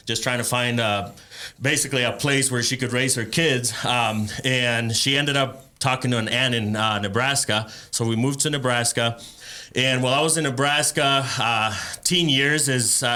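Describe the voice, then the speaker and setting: A man from El Salvador, a rapper and entrepreneur, telling his life story as a podcast guest in a relaxed way, with frequent fillers and laughs. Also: mid-range voice. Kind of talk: casual interview chat.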